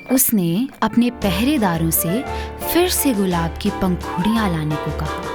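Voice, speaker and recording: A woman narrating a children's storybook tale in a gentle, unhurried storytelling manner. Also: mid-range voice, expressive, over music. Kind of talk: scripted narration.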